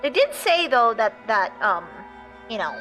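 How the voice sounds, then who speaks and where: Female game streamer: high, bright, slow-paced, expressive and sweary casual commentary. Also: low-quality recording. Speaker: livestreamer. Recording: game music behind the voice.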